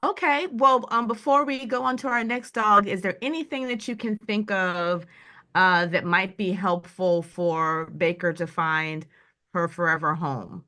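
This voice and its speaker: A woman's voice: fairly low pitch, measured pace, bright, forceful tone. A woman hosting a virtual dog adoption event, asking fosters questions in a friendly, upbeat way over a video call. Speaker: event host.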